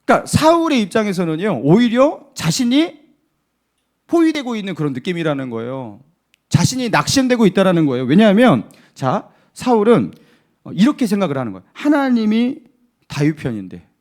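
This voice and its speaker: A man's voice: sits high, sing-song, brisk, darkish tone. A male pastor preaching a sermon in a church, putting rhetorical questions to the congregation. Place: church sanctuary.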